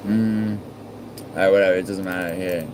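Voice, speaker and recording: Low-voiced, profane New livestreamer. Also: male voice, steady tone, normal speed, noisy background. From born in Italy, raised in New York. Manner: rambling, profane, trailing off mid-sentence. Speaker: livestream host. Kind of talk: casual livestream chat, reading viewer messages.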